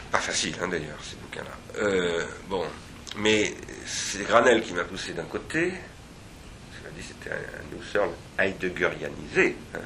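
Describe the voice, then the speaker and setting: A man speaking at an academic seminar, digressive and reflective, pausing often and restarting his sentences. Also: low voice, background noise.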